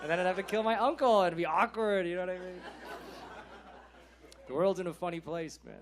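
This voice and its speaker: A man's voice: high voice, a little fast, crowd noise, background noise. A man from California with an American accent doing a stand-up set in a casual, slangy way, laughing often. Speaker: stand-up comedian.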